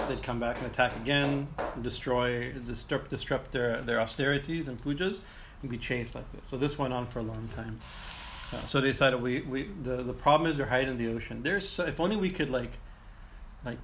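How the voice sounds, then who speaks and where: A man teaching and telling ancient myths informally, in a halting way that circles back over phrases and often checks in with "right?". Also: mid-range voice, a bit bright. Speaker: teacher and storyteller. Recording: clearly noisy ambient background.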